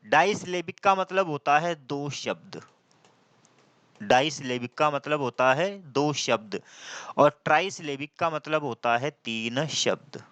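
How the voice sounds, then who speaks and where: A man teaching a classroom lecture. He asks the class questions and answers them himself, repeating key terms and reading out English definitions slowly. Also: fairly high pitch, sharp tone, smooth, dry recording. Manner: mixes in slow, deliberate English definitions.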